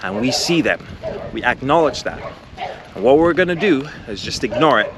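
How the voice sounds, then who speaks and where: A man's voice: medium pitch, expressive, normal speed, background noise. A man who trains dogs, talking bluntly and directly to the viewer while walking a dog outside. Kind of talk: outdoor training instruction. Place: outdoors on a street.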